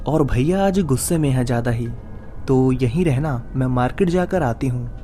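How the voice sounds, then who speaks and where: A man's voice: medium pitch, moderate pace, dark tone, faint music behind, lightly acted. A male storyteller voicing a worried young housewife who asks urgent questions. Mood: caring.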